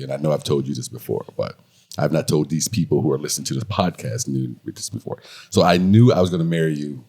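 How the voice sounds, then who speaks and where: A man's voice: very deep voice, darkish tone, husky. A man co-hosting a casual podcast chat with his wife, joking and teasing, laughing often as he tells stories. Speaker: podcast co-host.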